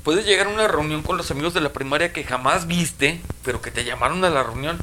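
A man's voice: a little high, bright, forceful tone. Joking Mexican man, audible background noise. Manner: joking, quick to banter. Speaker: podcast co-host. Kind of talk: casual chat.

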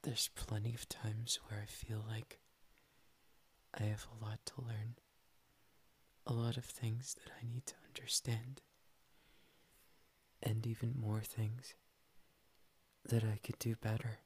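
A man's voice: lowish voice, level tone, slow pace, pauses often, breathy edge, exaggerated voice. A man voicing a shy, playful young male cat boy in a whispered ASMR roleplay, tender and teasing, slipping "nya" into his talk. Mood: earnest. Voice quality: soft whispery delivery.

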